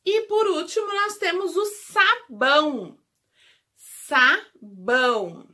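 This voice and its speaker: Brazilian woman, teacher, small-children lesson, bright tone, high-ish voice. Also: very animated. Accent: Brazilian Portuguese. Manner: slow, drawn-out syllable drills for small children. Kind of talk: remote lesson for young children.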